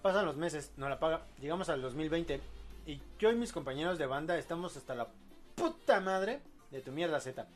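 A man hosts a casual live podcast and reads audience posts aloud. His voice sits a little high, and his delivery is rambling and jokey. Faint music plays behind him. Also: expressive, moderate pace. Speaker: podcast host.

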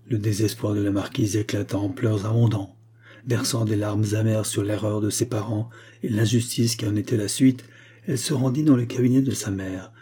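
Guy reading an old novel out loud, kinda husky, mellow dark tone, steady and even. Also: lowish voice. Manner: measured, even storytelling delivery. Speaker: audiobook narrator. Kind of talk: scripted literary narration.

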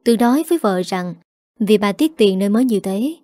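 Calm mellow woman storyteller. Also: mid-range voice, moderate pace, dry recording, studio quality. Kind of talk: audio story narration.

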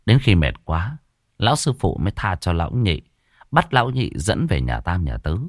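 A man narrating a comic audiobook in a lively, colloquial way. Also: sits low, normal speed, no echo, studio quality. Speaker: storyteller.

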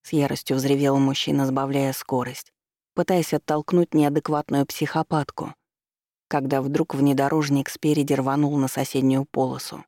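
A man reading an audiobook in a steady, measured narration style. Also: mid-range voice, dry recording, clean studio sound. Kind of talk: scripted narration.

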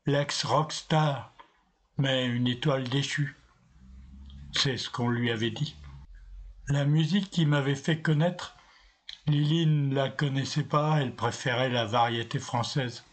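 A man narrating a scripted first-person story in a steady, unhurried way. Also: mid-range voice.

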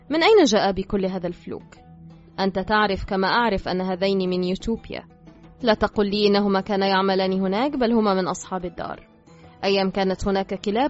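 A woman voicing a calm, scheming male thug who makes quiet threats, read in an audiobook with faint music behind. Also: medium pitch, close to an everyday voice. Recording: slightly dull with faint music.

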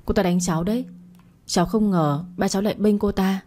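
A woman's voice: mid-range voice, fairly even intonation, brisk, warm tone, natural voice. A woman reading the part of a tearful, spoiled young woman in an audio story, with a complaining manner. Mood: tearful complaint.

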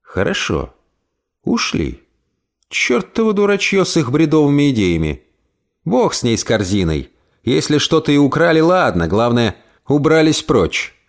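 A man reading aloud, voicing a feisty, sharp-tongued old woman who scolds and exclaims. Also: on the high side, very animated, unhurried, voice pushed up. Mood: scolding.

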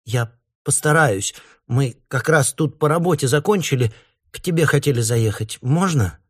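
A man's voice: medium pitch, moderate pace, slightly rough, no room sound, clean studio sound, pitched above the performer's own voice, close to an everyday voice. A man voicing an anxious young woman in her late twenties, pleading with her mother. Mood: evasive. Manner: pleading, urgent.

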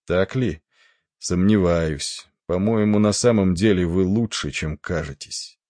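Brief: man playing a level-headed chief engineer, deep, even and quiet delivery. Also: measured pace, dry recording, studio quality. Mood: calm. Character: calm, steady male chief engineer officer.

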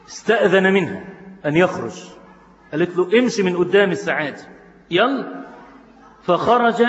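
High-voiced Egyptian preacher in a reverberant hall. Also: male voice, dull audio. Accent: Egyptian Arabic. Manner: colloquial storytelling preaching, voicing quoted figures. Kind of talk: sermon.

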